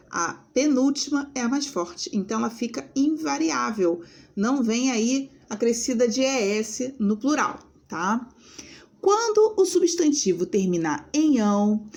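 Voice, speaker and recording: Woman teaching grammar, slow and careful, fairly high voice, spells out every example. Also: darkish tone. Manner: slow and deliberate, stresses each example word; checks in with tag questions to students. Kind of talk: grammar lesson.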